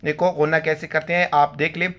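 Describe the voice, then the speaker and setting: A man teaching Quran reading, spelling syllables slowly and adding quick explanations of the rules. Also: a little high, little pitch movement, sharp tone. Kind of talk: letter-by-letter recitation lesson. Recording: slightly dull lo-fi audio.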